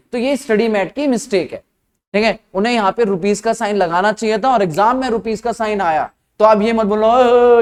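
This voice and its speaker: A male accounting lecturer with an Indian accent, teaching casually and quizzing his students. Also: high voice. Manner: conversational, asks students questions. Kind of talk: classroom lecture.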